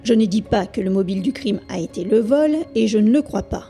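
A woman's voice: mid-range voice, animated, a little fast, dark tone, soft background music, close to an everyday voice. Woman reading as a cocky young reporter. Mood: self-assured. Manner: self-assured, explanatory. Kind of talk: audiobook reading.

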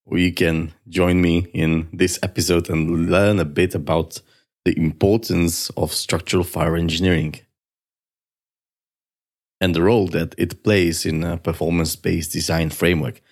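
A man's voice: sits low, steady tone, normal speed. A man hosting a podcast in an upbeat, curious and informal manner, introducing and interviewing. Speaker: podcast host.

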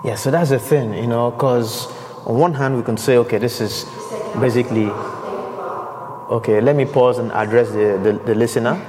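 A man's voice: mid-range voice, steady tone, moderate pace, crowd noise. A man hosting a podcast interview, asking searching questions and restarting his sentences as he thinks aloud. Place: exhibition space indoors. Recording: reverberant hall with clear background noise.

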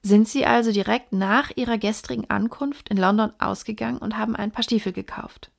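A woman reading the part of a sharp male detective in an audiobook, in a measured, lecturing way. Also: medium pitch, fairly even intonation, gravelly, close to an everyday voice. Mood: reasoning. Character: sharp, precise male detective explaining deductions.

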